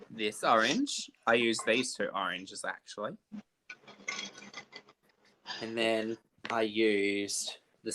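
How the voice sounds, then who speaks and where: Chatty, bright-voiced young man livestreaming. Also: lowish voice. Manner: chatty, animated, quick to laugh. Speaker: makeup livestream host. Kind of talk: casual livestream chat.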